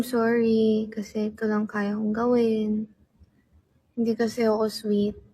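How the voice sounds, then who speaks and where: A young woman, chatting casually on a livestream. Her voice sits high, and her delivery is unhurried. She talks playfully and teasingly, laughing often. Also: slightly rough. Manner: playful, laughing, teasing, switches to slow soft tones.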